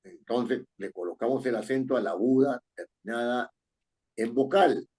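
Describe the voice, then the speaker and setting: A man's voice: medium pitch, moderate pace, a little mellow, husky. A man teaching writing in an online class, explaining step by step and checking in with his students.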